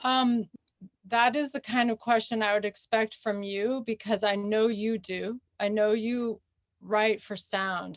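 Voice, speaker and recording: American woman author, thoughtful interview voice, middling pitch, pauses often. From United States. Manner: thoughtful, with frequent pauses and fillers. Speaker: author in conversation. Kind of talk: casual conversational interview.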